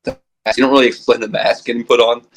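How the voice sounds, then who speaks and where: A young man, co-host of a casual fan podcast, talking excitedly with many restarts, recorded on a phone with low-quality stream audio. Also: fairly quick. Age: young adult.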